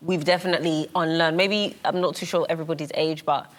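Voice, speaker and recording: A woman's voice: low-pitched, steady tone, fast. A woman in a casual panel debate, skeptically challenging others with pointed questions. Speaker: panel participant.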